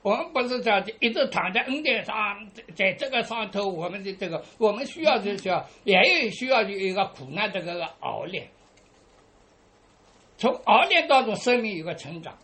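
A woman preaching a sermon to her congregation, padding phrases with drawn-out "ah" fillers and asking listeners rhetorical questions. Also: medium pitch, animated, fairly bright tone.

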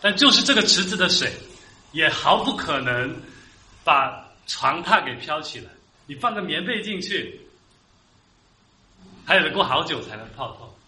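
A man's voice: fairly high pitch, big pitch swings, normal speed, pauses often, pushed and bright, roomy sound, rough recording. A man preaching a sermon as pastor, earnest and rising to emphatic peaks.

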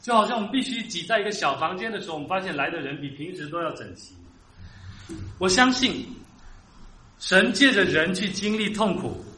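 A man's voice: sits high, bright, forceful tone, reverberant, poor audio. A man preaching a sermon as pastor, earnest and rising to emphatic peaks.

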